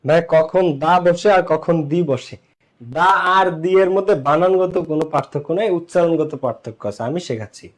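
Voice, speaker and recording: A man's voice: fairly high pitch, brisk. A man teaching English grammar in an online lesson, speaking. He explains patiently, repeats each sound several times and keeps checking whether students follow.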